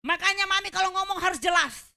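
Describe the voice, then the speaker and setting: A childish, easily upset housemaid who whines and insists on getting her way, put on by a woman preacher. The voice rides a little higher and louder than the preacher's own. It stays bright and ringing. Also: moderate pace. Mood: demanding.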